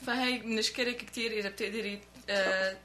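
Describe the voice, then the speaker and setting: A woman's voice: medium pitch, steady tone, fast, pushed and bright, a little hiss or hum. A woman with a Levantine Arabic accent talking conversationally as an interview guest. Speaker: guest from a charity project.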